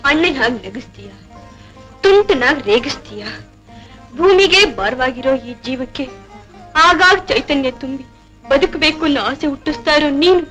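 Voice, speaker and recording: Old film drama: weepy young wife, high, bright voice. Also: female voice, animated, moderate pace, long pauses, soft background music, low-quality recording. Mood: bitter. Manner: tearful, emotional. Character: tearful, bitter young wife, quick to weep. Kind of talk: 1970s Indian film drama.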